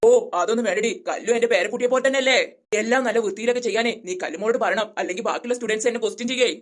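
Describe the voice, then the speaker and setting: A voice actor playing a kindly older woman school principal in a cartoon, fond and brisk with the children. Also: medium pitch, lightly acted. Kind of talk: cartoon voice acting.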